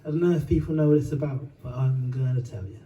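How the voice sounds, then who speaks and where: A man's voice: medium pitch, steady tone, quick pace, warm tone, recorded from a distance, lo-fi sound. A man from Uganda and Britain telling a long, rambling story between songs, full of fillers, swearing and laughter.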